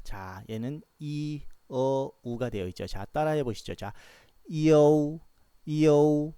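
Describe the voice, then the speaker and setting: A man teaching pronunciation in a patient lesson, repeating each sound clearly for students to copy. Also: medium pitch, dark tone, dry recording. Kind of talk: explanatory lesson with modelled sounds.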